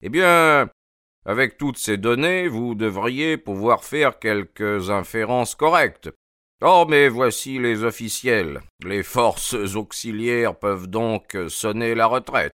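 A man voicing a cool, sharp-minded detective who speaks calmly and precisely with dry irony. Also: medium pitch, takes it slowly, no echo. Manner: calm, precise, dryly ironic.

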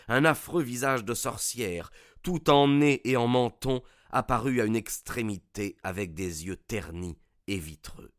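A man reads a classic detective tale in a measured, suspenseful way. His voice sits low and the recording is dry and close, with no room sound around it. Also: fairly bright tone, dry recording. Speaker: narrator. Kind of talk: scripted narration of a detective story.

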